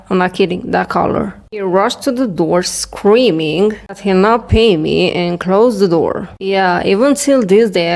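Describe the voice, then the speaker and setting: A woman's voice: on the low side, a little mellow. Young woman talking with braces, slightly impeded S. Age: young adult. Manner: informal, self-deprecating storytelling. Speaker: small-channel video creator telling personal stories. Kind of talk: casual storytime vlog.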